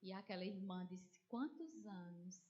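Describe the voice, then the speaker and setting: Her voice is mid-range and measured in pace, heard over dull audio. She is a woman preaching a testimony in Northeastern Brazilian Portuguese, narrating with energy, mimicking the people she quotes, and addressing the audience as dear ones.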